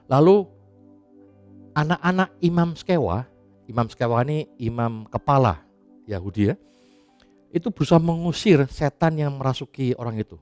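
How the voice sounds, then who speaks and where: Animated preaching man with faint music. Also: mid-range voice, normal speed, long pauses. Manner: chatty and animated, laughs often, casual asides. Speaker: pastor. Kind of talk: sermon.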